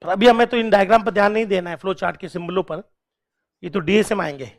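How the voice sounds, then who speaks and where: A man teaching a classroom lecture, drilling key points slowly, repeating them and quizzing students with questions while urging them on. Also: sits high, steady tone. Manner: coaxing and encouraging toward students.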